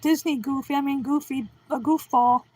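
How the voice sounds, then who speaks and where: A woman's voice: high voice, moderate pace, dry recording, rough recording. A middle-aged woman hosting a casual livestream at home, answering chat and cracking goofy, self-deprecating puns. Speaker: livestream host reading chat.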